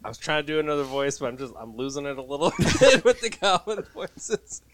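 A man's voice: fairly high pitch, animated, a little fast, fairly bright tone. A man narrating a tabletop game as game master, playful and often laughing.

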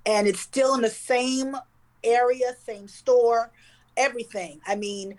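Enthusiastic higher-voiced woman. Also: steady tone, a little slow, darkish tone, rough recording. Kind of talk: casual chat.

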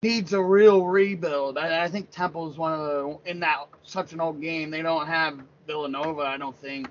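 Man, thirties, from Pennsylvania, casual rambling sports talk, a bit high-voiced, muffled podcast sound. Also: fairly even intonation, moderate pace. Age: 30s. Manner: rambling, repeats words and restarts often. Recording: lo-fi dull sound.

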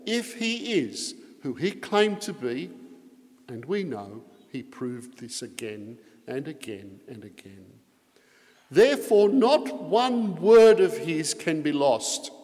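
A man's voice: sits high, darkish tone. A man serving as priest reads the gospel and then preaches a homily with earnest emphasis, his voice carried by a cathedral echo. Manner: earnest preaching with strong emphasis on key phrases. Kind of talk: Mass gospel reading and homily. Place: large church. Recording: long echoing reverb of a large church.

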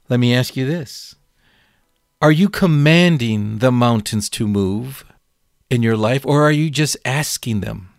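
A man preaching a sermon, slow and deliberate, asking his listeners question after question. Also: medium pitch, no echo, clean studio sound.

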